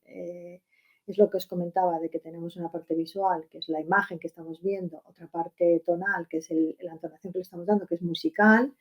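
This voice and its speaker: A woman's voice: on the low side, warm tone. Woman teaching a webinar lesson. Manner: explanatory, frequent fillers and rhetorical "¿no?". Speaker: Chinese language teacher.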